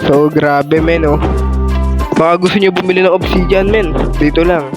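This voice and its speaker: A young man talks through his gameplay in a loose, chatty way, constantly calling out to his viewers. His nose is stuffed up and his throat is sore from a cold. His voice sits a little high for a man, and clear background music plays under it. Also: fairly even intonation, moderate pace. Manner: chatty, keeps addressing viewers as "men" and "guys". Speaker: gaming YouTuber. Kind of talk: casual gameplay commentary.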